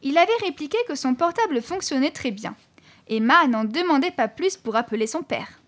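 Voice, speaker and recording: A woman narrating a children's story in an expressive, clear reading voice. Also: sits high, normal speed. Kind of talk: audiobook narration.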